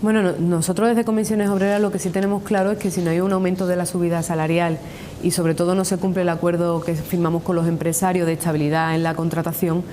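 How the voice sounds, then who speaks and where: A woman's voice: little pitch movement, fast talker, warm tone. A woman with an Andalusian accent giving earnest, long-winded answers in a formal political interview as a union representative, repeating points for emphasis. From Andalusia, Spain. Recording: noisy with low rumble.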